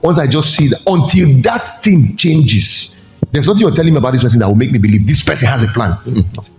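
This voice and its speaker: Animated preaching man in an echoey hall. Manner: animated preaching with sudden pitch jumps and slow emphatic stretches. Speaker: pastor. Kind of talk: sermon. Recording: echoey hall with faint music.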